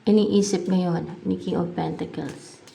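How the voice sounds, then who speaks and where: A woman's voice: on the low side, steady tone, a little slow, creaky, dark tone. A woman doing a casual tarot reading for her viewers, chatty and thinking aloud, slipping English words into her talk. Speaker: tarot reader.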